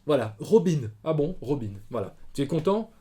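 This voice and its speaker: A man's voice: a little high, sing-song, moderate pace, dark tone. A man in a comedy sketch, arguing defensively about a screenplay and getting worked up and exasperated. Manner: defensive, exasperated, bursts into laughter. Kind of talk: improvised comedy sketch banter.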